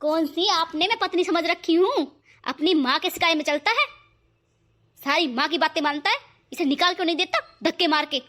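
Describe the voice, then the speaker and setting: A woman voicing a quick-tempered young wife who scolds and shouts sarcastically in a cartoon. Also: sits high, expressive. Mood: angry. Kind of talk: cartoon voice acting.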